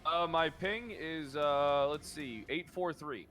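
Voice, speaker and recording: A man's voice: a little high, takes it slowly, a bit bright, soft background music. A man playing a police officer in a roleplay game, talking hesitantly with many fillers and restarts. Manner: hesitant, stammering, filler-heavy talk. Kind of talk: casual in-character roleplay chat.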